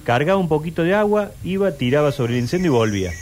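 A man with an Argentine accent on a radio comedy panel, telling a little fable in a playful, drawn-out way. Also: a little high, expressive, a little mellow, slight background noise. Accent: Argentine Spanish. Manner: playful storyteller, draws out the telling.

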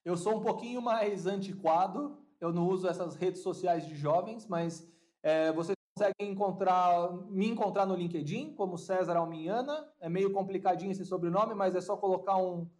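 A man's voice: high voice, normal speed, a little mellow. A man, a podcast guest chatting casually and often repeating words as he searches for them.

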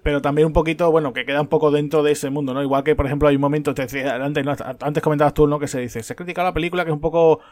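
A man co-hosting a casual film discussion, talking quickly and animatedly and often tagging his sentences with a question. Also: a little high. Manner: quick, animated, keeps asking "¿no?". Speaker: podcast co-host.

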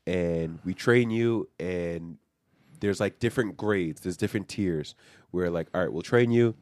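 A young man co-hosting a podcast, recapping a comic in casual chat, animated and swearing, acting out the characters as he goes. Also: low voice, no echo. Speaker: podcast co-host.

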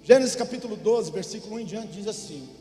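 A man's voice: high-pitched, expressive, quick pace, warm tone, faint music behind. A middle-aged male pastor from Brazil preaching a sermon, leading the congregation in call-and-response. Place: church hall. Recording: long hall reverb.

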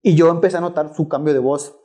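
A young man telling a story on a podcast, slangy and animated, dropping "güey" constantly. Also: fairly high pitch, fast. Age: young adult. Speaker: rideshare driver guest.

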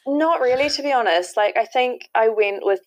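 A woman's voice: on the high side, normal speed, poor audio. A woman, a guest chatting casually and laughing often. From New Zealand. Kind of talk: casual interview chat.

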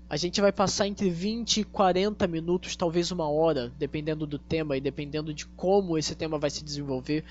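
Brazilian man, lisping slushy s, casual host monologue, deliberate phrasing, lo-fi recording, faint hum. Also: on the high side. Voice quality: lisp, tongue-tied slushy s. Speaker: podcast host. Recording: dull lo-fi audio, faint hum.

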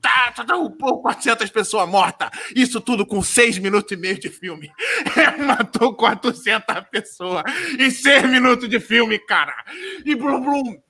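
A man's voice: very high-pitched, lively intonation, a little slow. A man with a Brazilian Portuguese accent, co-hosting a podcast and retelling a movie as a rambling, profane comic recap. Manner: rambling, profane storyteller who shouts sound effects. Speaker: podcast co-host.

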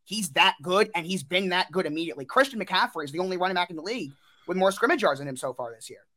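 A man co-hosting a casual sports podcast, eager and quick to quote stats and make bold takes. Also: high-pitched, lively intonation, bright, forceful tone. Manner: eager, stat-quoting, builds up bold takes. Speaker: podcast co-host.

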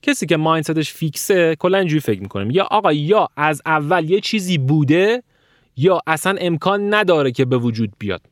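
A man teaching a language-learning course, speaking lively and emphatically. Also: fairly high pitch, no room sound, clean studio sound. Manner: animated, lively, with emphatic rising pushes. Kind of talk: spoken online course lesson.

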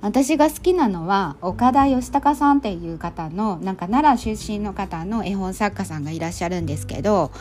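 Chatty Kansai woman with a mellow voice. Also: medium pitch, normal speed, hardly any pauses, soft background music. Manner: chatty, many fillers, relaxed Kansai phrasing. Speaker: storytelling volunteer and podcast host. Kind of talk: casual monologue recap.

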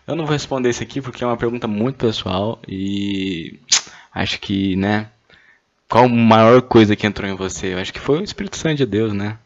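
Young dude cracking jokes reading questions, stutters a lot, kinda muffled lo-fi sound. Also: male voice, on the low side, brisk. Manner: joking, swearing, stammers on repeated words. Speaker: streamer reading anonymous questions. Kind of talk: casual chat.

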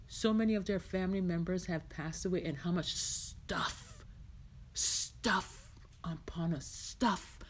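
A middle-aged woman from Jamaica, hosting a podcast in a rambling, heartfelt, casual solo chat. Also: medium pitch. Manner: chatty, rambling, heartfelt, many "you know"s. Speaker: podcast host.

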